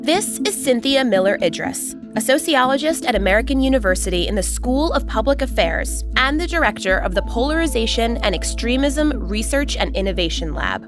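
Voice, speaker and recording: A woman hosting a podcast in measured, serious scripted narration. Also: fairly high pitch, expressive, over music. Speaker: podcast host.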